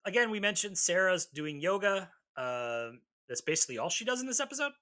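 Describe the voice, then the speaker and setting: A man's voice: high voice, sing-song, fairly quick, pushed and bright. A man co-hosting a podcast in casual chat, making wry jokes between fillers and restarts. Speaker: podcast co-host.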